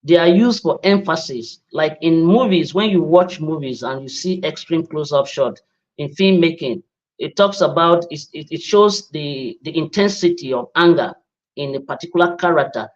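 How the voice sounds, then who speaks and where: Halting man teaching media skills. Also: on the high side, lo-fi sound. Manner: halting, repeats words, many fillers. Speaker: media trainer. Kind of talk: online training session answering questions.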